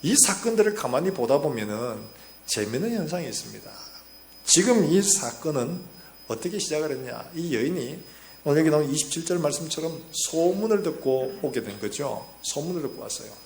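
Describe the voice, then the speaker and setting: A pastor preaches in a reverberant church hall, and a faint hum sits under the sound. His voice is slightly high for a man, with a gravelly edge. He tells stories and acts out the quotes. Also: big pitch swings, brisk. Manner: storytelling with acted-out quotes, rising and falling loudness. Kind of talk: sermon. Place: church sanctuary.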